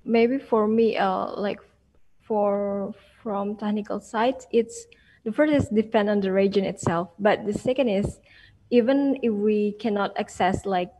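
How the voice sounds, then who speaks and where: A young woman gives a technical answer to an online panel, plain and hesitant with fillers. Her voice is mid-pitched and mellow. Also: a little slow, rough recording. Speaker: software engineer on panel. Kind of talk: panel answer on video call.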